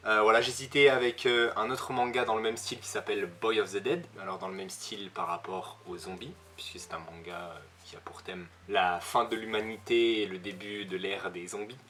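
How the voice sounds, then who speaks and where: A man's voice: on the low side, steady tone, fairly quick, few pauses, sharp tone. A man giving a casual spoken review as a manga reviewer, chatty, with frequent hesitations and self-corrections.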